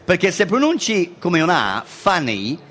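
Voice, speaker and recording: A man's voice: fairly high pitch, animated, normal speed, fairly bright tone. A man with an English accent, a native English speaker, chatting playfully on the radio as an English teacher and slipping English words into his Italian. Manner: playful, mixes English into Italian, acts out sounds. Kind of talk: casual radio chat.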